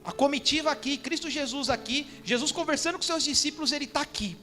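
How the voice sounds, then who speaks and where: Brazilian guy preaching, really high voice, slangy and joking with the crowd, faint music behind. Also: fast, pushed and bright. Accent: Brazilian Portuguese. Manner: casual and slangy, bantering with the congregation. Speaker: church elder preaching. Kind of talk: informal live sermon. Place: church during a Sunday service.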